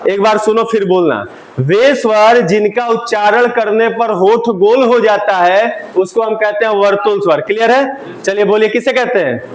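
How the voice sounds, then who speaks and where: A man's voice: sits high, normal speed. A male teacher giving a Hindi grammar lesson, asking the class questions and having them repeat the answers. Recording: roomy classroom echo.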